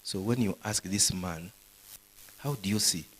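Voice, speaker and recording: A man's voice: low voice, unhurried, fairly bright tone, breathy edge, poor audio. A man preaching a live sermon to university students, quizzing the audience with questions as he goes. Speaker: pastor. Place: university gathering.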